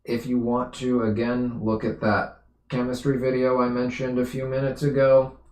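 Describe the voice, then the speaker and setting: A man's voice: mid-range voice, completely flat delivery, moderate pace, a little mellow, echoey room. A man tutoring physics on a live stream, explaining patiently, repeating himself and correcting his own slips as he goes.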